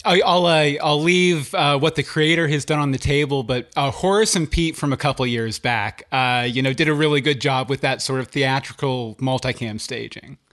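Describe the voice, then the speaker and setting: A man's voice: mid-range voice, normal speed, few pauses, a bit bright. A man interviewing a guest in casual chat, easygoing and laughing along.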